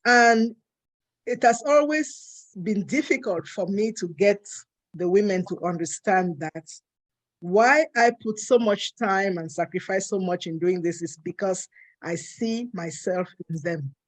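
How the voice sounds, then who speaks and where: A woman's voice: mid-range voice, unhurried. A woman from Cameroon, speaking earnestly and emphatically as a co-host in a panel discussion.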